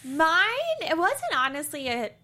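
A young woman with a high, bright voice. She speaks in a casual, conversational way, as a co-host on a chatty recap podcast. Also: wildly swooping pitch, takes it slowly.

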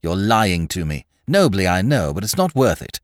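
A man reading aloud voices an earnest male detective from a novel, sounding protective, distressed, and imploring as he pleads with formal courtesy and emphatic repetition. The delivery is very animated and widely varied in pitch at a moderate pace, recorded dry in a dry space.

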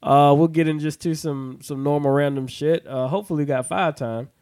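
A man hosting a podcast in a loose, hyped-up way, cursing freely and pumping up the show like a DJ. His voice sits a little high for a man. The sound is dry and close, with little room around it. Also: brisk, dry recording. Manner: hyped, shouty show intros with casual cursing. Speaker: podcast host and DJ. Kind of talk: casual podcast chat.

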